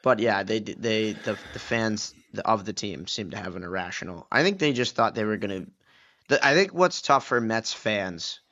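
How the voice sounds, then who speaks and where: A man's voice: fairly low pitch, lively intonation, moderate pace, a bit bright. A man co-hosting a sports podcast, talking in a loose, offhand, rambling way. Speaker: podcast co-host. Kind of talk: casual sports podcast chat. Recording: dull lo-fi mic.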